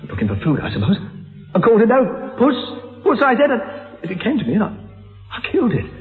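A man's voice: high voice, wildly swooping pitch, quick pace, faint music behind, heavily acted. An actor playing an unhinged young male killer who taunts his captive, mocking and swinging between menace and giggles. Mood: creepy. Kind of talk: radio-drama acting. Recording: tinny old radio recording in echoey hall.

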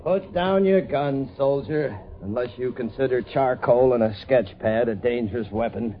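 An actor playing a cocky, wry frontier painter with sardonic banter, in old radio drama style. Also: male voice, medium pitch, moderate pace, close to an everyday voice. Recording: phone-like, thin old radio recording.

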